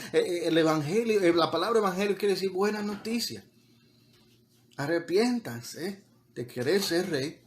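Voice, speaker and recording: Male pastor, slightly high voice, conversational sermon with surging emphasis, faint ambient hiss. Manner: conversational preaching, frequent repetitions and rising emphatic peaks; switches into English words.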